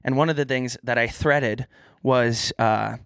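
A man's voice: mid-range voice, steady tone, a little slow, vocal fry, fairly bright tone, smooth, dry recording, studio quality. Man who says th as f, chatting casually. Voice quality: says th sounds as f. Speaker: podcast co-host. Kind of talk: casual comedic chat.

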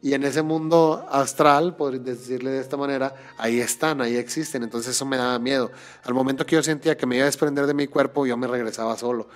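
A man tells a personal story on a casual podcast. He speaks in an animated way, restarting phrases and repeating words while he searches for the thread. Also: medium pitch, fast talker. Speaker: podcast host.

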